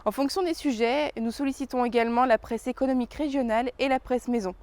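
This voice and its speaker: A woman's voice: on the high side, steady tone, fast talker, a little mellow, dry recording. A woman gives a scripted corporate update. She presents as a press relations officer.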